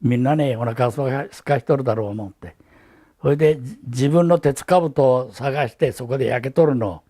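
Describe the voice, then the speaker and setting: An elderly man speaks with a Hiroshima accent at a medium pitch. He recalls his past as a witness giving testimony. His telling is halting and reflective, in the manner of an old man looking back. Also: warm tone. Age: elderly, 80s or older. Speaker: atomic bomb survivor giving testimony. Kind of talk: recorded oral testimony, reminiscing.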